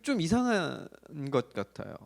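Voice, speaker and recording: A man preaching a sermon for an online church service, retelling a Bible story in an animated storytelling manner. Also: fairly high pitch, moderate pace, gravelly. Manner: animated storytelling, acting out the disciples' cries. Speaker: pastor.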